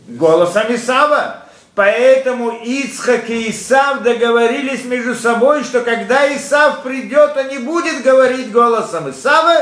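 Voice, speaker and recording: This Torah lesson comes from a man whose voice is very high-pitched and fairly bright. He poses rhetorical questions and quotes Hebrew verses for his students, and the room is echoey with faint ambience.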